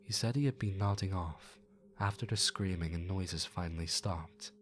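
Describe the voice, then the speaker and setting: A man narrating a horror story aloud in a slow, measured way, sometimes dropping into hushed tones. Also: sits low, slight background noise.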